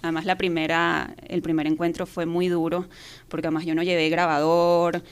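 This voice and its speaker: A woman's voice: lowish voice, little pitch movement, fairly quick, clean tone. Fields: Sex: woman. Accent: Venezuelan. Role: journalist guest. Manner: chatty storyteller. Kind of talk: casual radio interview.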